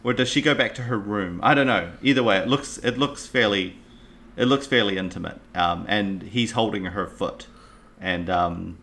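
Man, low pitch, relaxed chat, retelling movie scenes. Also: moderate pace, vocal fry. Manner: relaxed, recounting scenes with trailing phrases. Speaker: podcast co-host discussing a film. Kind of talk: casual film discussion.

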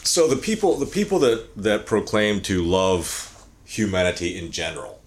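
Casting: low-voiced male podcast co-host, blunt, profane, rambling, fast talker. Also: big pitch swings. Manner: speaks rapidly by his own account. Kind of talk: casual chat.

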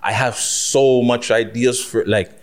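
A man hosts a casual podcast. His voice sits at a middling pitch. He talks emphatically in street slang and swears freely. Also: fairly even intonation, measured pace. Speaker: podcast host.

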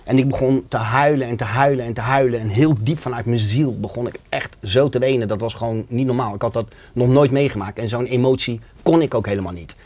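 A man's voice: medium pitch, a little fast, few pauses, a little mellow. A man giving an earnest, emotional personal testimony in an interview. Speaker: interview guest.

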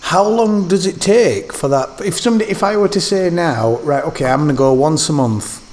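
A man on a podcast, a guest from a denim shop, chatting in an upbeat, eager way and agreeing quickly. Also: fairly high pitch, animated, darkish tone. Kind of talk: casual podcast chat.

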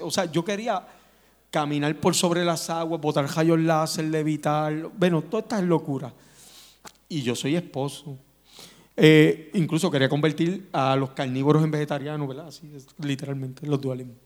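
Male preacher, lively sermon delivery, voice ringing in a reverberant hall. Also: fairly high pitch. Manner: animated, rhetorical questions to the congregation.

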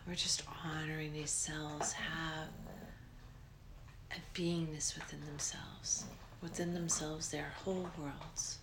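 Low, hushed woman guiding meditation, soft whispery. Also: flat delivery, background noise. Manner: slow, soothing delivery with long pauses. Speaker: meditation guide. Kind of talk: guided meditation in a soft, breathy near-whisper.

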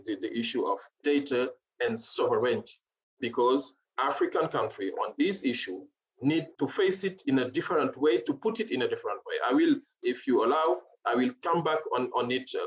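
A man gives panel remarks over a video call. His voice sits a little high and the sound is muffled and lo-fi. He hesitates, repeats words and fills gaps with uh. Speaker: panel speaker. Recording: dull lo-fi sound.

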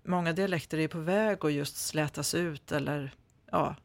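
A Swedish author with a slightly high, creaky voice speaks standard Swedish in a conversational interview. He answers hesitantly, with many fillers and restarts, in a dry recording.

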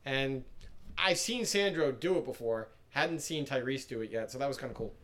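A man's voice: medium pitch, moderate pace, fairly bright tone. A man co-hosting a sports podcast, casually retelling a broadcaster's jokes and breaking down the calls. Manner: chatty, retells announcer jokes with laughs. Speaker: podcast co-host.

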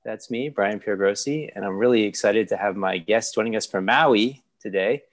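Lower-voiced podcast host, friendly. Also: male voice, normal speed. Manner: friendly, with frequent "um" fillers. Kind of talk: podcast interview.

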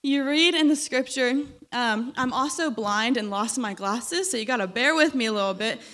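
Young woman preacher, high bright voice, animated storyteller, voice recently lost. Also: moderate pace. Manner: animated, storytelling, laughs when uncomfortable. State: recovering from lost voice. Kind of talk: sermon.

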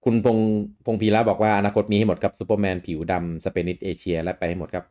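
A man's voice: lowish voice, fairly even intonation, fast talker, dark tone. A man co-hosting a casual gaming chat, reading out listener comments and laughing often. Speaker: podcast co-host.

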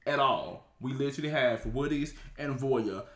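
A man's voice: mid-range voice, normal speed, a bit bright. A man in his thirties from Memphis, co-hosting a podcast in blunt, sassy casual chat. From Memphis, USA. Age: 30s. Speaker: podcast co-host. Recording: echoey room.

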